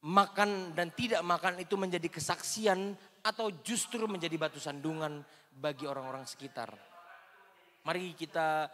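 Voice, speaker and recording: A woman from Indonesia preaching a sermon, lively and joking with the congregation, with big swings in pitch and loudness. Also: in a large hall. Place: church hall.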